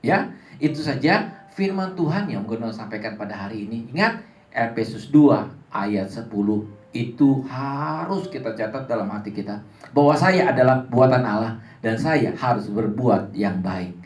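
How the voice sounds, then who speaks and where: A man's voice: medium pitch, expressive, moderate pace, a little mellow. A man giving a children's Sunday school sermon, speaking simply, repeating lines and addressing the kids directly. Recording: echoey room, distant mic, faint music.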